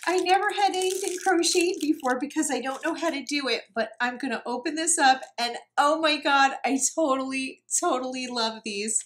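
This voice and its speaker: A woman's voice: sits high, normal speed, fairly bright tone. A woman from New York chatting casually as she unboxes craft mail, gushing and laughing often. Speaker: craft vlogger.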